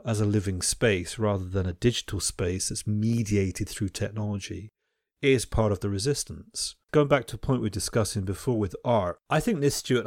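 Guy with a lowish voice, dry close sound, kinda professorial, thinks out loud and restarts a lot. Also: no room sound. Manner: academic, thoughtful, frequent restarts. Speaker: podcast host and university teacher. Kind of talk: reflective conversational discussion.

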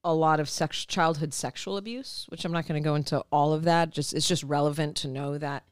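A woman's voice: deep voice, steady tone, brisk, smooth, no echo, studio quality. A woman co-hosting a podcast, talking things through in a thoughtful, explanatory way. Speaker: podcast co-host. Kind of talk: casual podcast discussion.

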